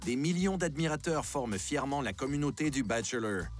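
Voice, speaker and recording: A man giving measured, slightly ironic scripted narration for a documentary. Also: mid-range voice, expressive, faint music behind.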